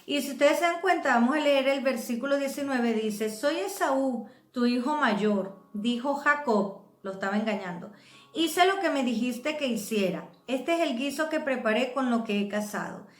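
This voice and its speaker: A woman's voice: high voice, lively intonation, moderate pace, echoey room. A woman with a Venezuelan accent preaching a sermon, explaining the scripture and checking in with her listeners. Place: church.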